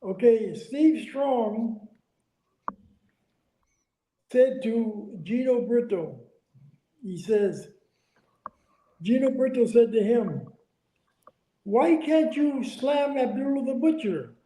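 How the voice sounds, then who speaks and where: A man's voice: very high-pitched, lively intonation, slow, pauses often, mellow, slight background noise. An older man, a former wrestler, telling stories as an interview guest over a remote group voice call, repeating phrases for emphasis. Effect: heard over a remote group voice call. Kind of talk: casual anecdotal storytelling. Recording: echoey call audio.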